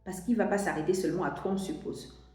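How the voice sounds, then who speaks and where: A woman's voice: fairly low pitch, quick pace, mellow, soft background music. A young French woman telling a personal story to camera, hesitant, with many restarts and fillers. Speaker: vlogger. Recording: very echoey room.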